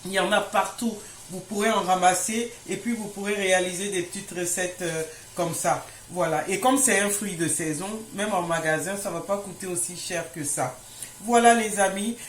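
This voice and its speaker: Speaking at normal speed with a medium pitch, this woman hosts a laid-back home baking video indoors in her kitchen. She addresses viewers as friends and checks they can follow along, and the audio is echoey with faint noise.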